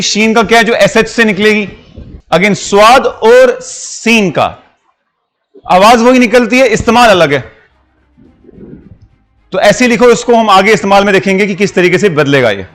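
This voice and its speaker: High-voiced teacher explaining letter sounds. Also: male voice, fairly bright tone. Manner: explanatory, mixes English into Hindi. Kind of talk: classroom lesson.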